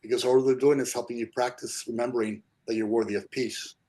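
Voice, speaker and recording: Gentle man teaching a spiritual class. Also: medium pitch, steady tone, fast, low-quality recording. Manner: gentle, encouraging, repetitive. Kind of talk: online class talk. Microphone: video call.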